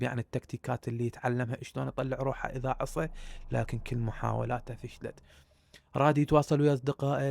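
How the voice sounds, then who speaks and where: A man with a Baghdad Iraqi accent tells a spooky desert tale at a quick clip. His voice is gravelly with a lot of vocal fry. He talks straight to his listeners and keeps the tension building. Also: medium pitch, darkish tone, a little hiss or hum. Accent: Iraqi Arabic, Baghdad. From Iraq. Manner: addresses listeners directly, builds suspense. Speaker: storyteller. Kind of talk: casual spoken horror storytelling.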